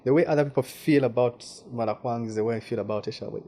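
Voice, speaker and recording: A thoughtful man from Western Uganda speaks fast at a medium pitch with a warm tone, repeating words as he searches for them. He is a guest journalist in a casual interview, and a faint hiss is audible.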